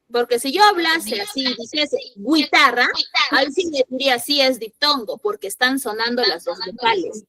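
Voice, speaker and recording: Woman teacher, high and bright voice, patient, repeats herself, keeps checking the class understands. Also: dry recording, poor audio. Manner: patient, repeats points and asks rhetorical check questions; voices imagined student objections. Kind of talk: classroom grammar lesson.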